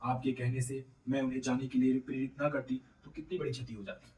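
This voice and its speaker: A man voicing a gentle, restrained young village woman in a read-aloud play, recorded in a roomy space away from the mic. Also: medium pitch, little pitch movement, brisk, recorded from a distance, lightly acted.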